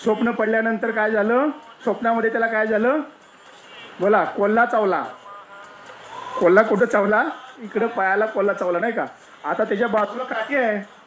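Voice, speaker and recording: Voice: medium pitch, steady tone, moderate pace, a little hiss or hum. A spiritual discourse speaker explaining teachings through a parable, often asking rhetorical questions and then answering them. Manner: explanatory, repeats key points.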